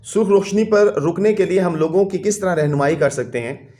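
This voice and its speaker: A male teacher with a fairly high voice walks children through a textbook lesson. He reads the English line by line at a slow pace, then explains it plainly. He keeps talking straight to the children as he works through it. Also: dark tone. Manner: keeps addressing the children as he goes.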